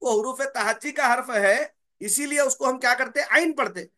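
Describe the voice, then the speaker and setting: A man's voice: very high-pitched, pushed and bright. A man teaching the rules of Quran recitation, repeating key terms and asking and answering his own questions. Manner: drawls out letter names slowly. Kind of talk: slow explanatory lesson.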